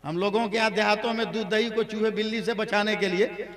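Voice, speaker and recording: A male preacher spins a sermon story with dramatic flair before a gathering. His voice sits very high, bright and cutting. It echoes through a roomy hall. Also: steady tone, a little fast. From India. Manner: dramatic, rising to impassioned cries. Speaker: Islamic preacher. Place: religious gathering with audience.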